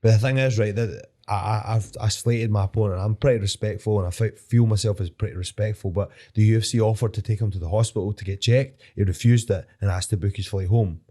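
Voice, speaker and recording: A man's voice: fairly low pitch, fairly even intonation, quick pace, few pauses, dark tone. A Scottish man, a fighter guesting on a podcast, telling rambling anecdotes in a casual way, swearing freely and laughing often. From Scotland. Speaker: podcast guest, mixed martial arts fighter. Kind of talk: casual storytelling interview.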